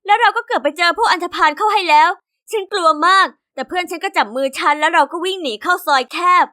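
A woman narrating an animated diary story in the first person as a young girl, expressive and lively. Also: extremely high pitch.

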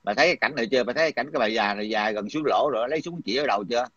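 A man's voice: medium pitch, racing, a bit bright, no room sound. A middle-aged man, talking in a heated, coarse and combative way, repeating himself. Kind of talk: heated casual talk. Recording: dull lo-fi dry sound.

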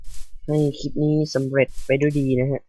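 A man's voice: medium pitch, completely flat delivery, normal speed, dark tone, a little hiss or hum, low-quality recording. A man hosting a casual game commentary, sleepy and chatty, rambling into asides as he plays. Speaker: gaming channel host. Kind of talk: casual Let's Play commentary.

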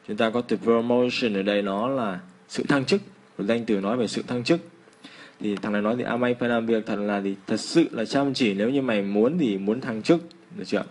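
A Vietnamese man with a somewhat low voice runs a relaxed English lesson. He talks through each phrase casually and then stretches the English words out slowly so learners can hear every sound. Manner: slows down to model English phrases. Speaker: English teacher.

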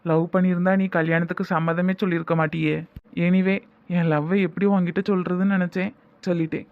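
A man's voice: high voice, level tone, quick pace, narrow, tinny audio. A man voicing an earnest, eager young groom who coaxes and repeats small requests, with a Tirunelveli accent, for a comedy cartoon. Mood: coaxing. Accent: Tirunelveli Tamil. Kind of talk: cartoon voice acting.

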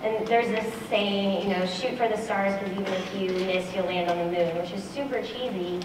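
A woman in her twenties gives a candid, earnest conference talk from a large auditorium stage on a headset mic, speaking at normal speed with medium pitch and fairly even intonation, full of ums and restarts. The echoey hall makes her sound far off, with background noise.

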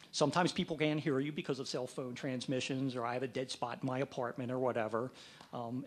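A man with a medium-pitched voice and a breathy edge gives a hands-on training talk as a fundraising trainer from the Mid-Atlantic United States. Speaking plainly, he acts out sample calls over the phone.

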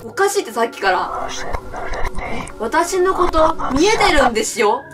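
A woman streamer playing a horror game, commenting with excitable, frightened reactions and shouts. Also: high-pitched, moderate pace, far from the mic, over music. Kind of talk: let's play commentary.

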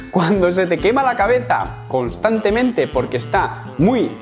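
Spanish man with a lively, swinging voice. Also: high voice, normal speed, faint music behind. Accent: Spanish from Spain. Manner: sarcastic, swearing, acts out little scenes. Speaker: YouTuber. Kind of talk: comedic vlog monologue.

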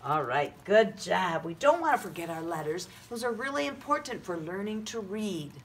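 A woman's voice: lowish voice, very animated, moderate pace. A woman teaching preschoolers like a kids' show host, with sing-song delivery and simple repeated questions for young children. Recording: noticeable background noise.

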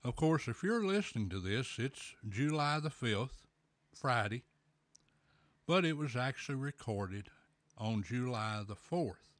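A middle-aged man hosting a show, talking in a slow, folksy, plainspoken way with a pipe in his mouth. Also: mid-range voice, lively intonation, no room sound. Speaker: podcast host. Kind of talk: casual solo talk.

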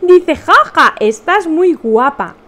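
Chatty high-voiced Spanish woman host. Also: big pitch swings, slow pace, a bit bright. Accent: Spain Spanish. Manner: chatty, rambling, self-mocking, reads viewer comments aloud. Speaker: crochet youtuber host. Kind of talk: casual live chat with viewers.

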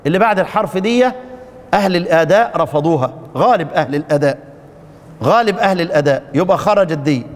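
Upper egyptian guy teaching quran recitation, quizzes the class, jokes around, pretty high voice. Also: lively intonation, quick pace, big-room sound. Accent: Upper Egyptian Arabic. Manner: quizzes students, jokes with them. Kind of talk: casual classroom lecture. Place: mosque lesson hall.

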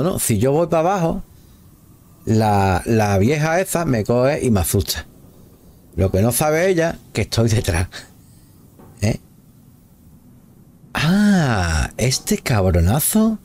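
A man's voice: mid-range voice, a little mellow. A man giving casual live commentary while playing a video game, chatting with viewers and exclaiming at the action. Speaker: gameplay streamer.

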